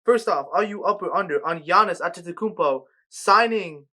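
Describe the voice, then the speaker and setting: A man's voice: high-pitched, lively intonation, moderate pace, sharp tone. A man co-hosting a casual sports podcast, ranting with lots of fillers and restarts. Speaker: podcast co-host.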